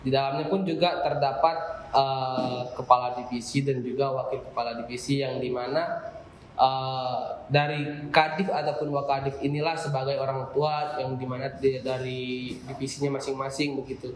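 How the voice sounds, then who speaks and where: A man's voice: medium pitch, level tone, moderate pace, slight background noise. A young man, a student association chair, explaining his group at length in a casual podcast chat, with frequent fillers. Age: young adult. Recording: roomy room with faint ambience.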